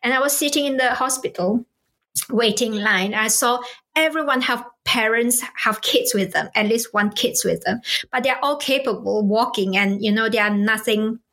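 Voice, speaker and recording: A woman's voice: a little high, normal speed, a bit bright. Malaysian-born woman explaining culture. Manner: explanatory, many fillers and rhetorical questions. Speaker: guest expert on cross-cultural business. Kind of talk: conversational explanation.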